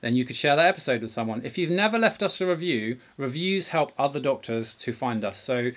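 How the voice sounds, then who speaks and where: Male podcast presenter, middle-aged, mid-range pitch, earnest and emphatic, recorded conversationally in a garage. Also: animated, a little fast, a bit bright. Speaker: podcast host. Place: home garage.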